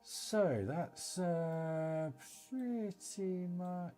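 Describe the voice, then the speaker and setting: A British man hosts a game livestream, chatting informally and rambling as he thinks out loud. His voice is high-pitched and warm, and he draws out his words over soft background music.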